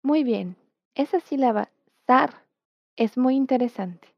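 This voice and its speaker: A high-pitched Portuguese teacher with vocal fry leads a lesson at an unhurried, patient pace, pronouncing words slowly for repetition. Portuguese is her native tongue, and the lo-fi recording is dry and dull.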